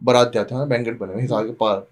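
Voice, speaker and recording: A man's voice: medium pitch, racing. Young man telling a story animatedly. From Delhi, India. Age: young adult. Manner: animated, acts out quoted dialogue with lively shifts. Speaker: podcast guest. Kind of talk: casual storytelling.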